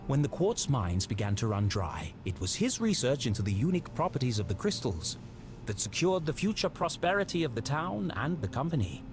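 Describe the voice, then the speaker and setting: A man's voice: mid-range voice, sing-song, a little fast, lightly acted. A man playing a wry, theatrical storybook narrator in a video game. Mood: wry, solemn. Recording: music behind the voice.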